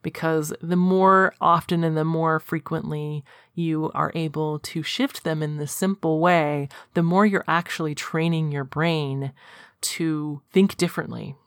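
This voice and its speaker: A woman coach giving calm, gently instructive self-help guidance. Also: low voice, measured pace, smooth, no room sound, studio quality.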